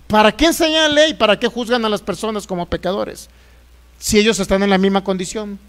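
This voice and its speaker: A man's voice: high-pitched, brisk, fairly bright tone, clear, resonant tone. A middle-aged man with a Jalisco Mexican accent, preaching a sermon as pastor, jokey and folksy, firing rhetorical questions.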